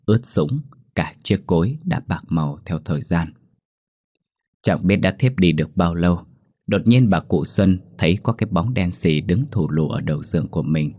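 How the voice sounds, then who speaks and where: A man narrating a ghost story in a slow, somber, dramatic way. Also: low voice, mellow, dry recording, clean studio sound.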